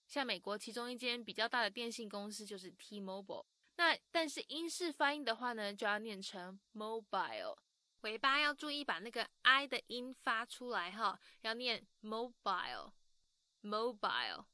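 A woman hosts a language lesson in a bright, fairly high voice. She explains pronunciation like a teacher and slows down to model each example word. The sound is dry and close to the mic. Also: no echo. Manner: lively, teacherly, models words slowly. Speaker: language-learning show host.

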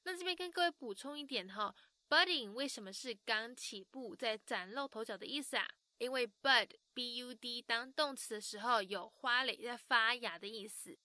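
A woman hosting a language-learning show, explaining pronunciation in a lively, teacherly way and saying example words slowly. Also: on the high side, no echo, studio quality.

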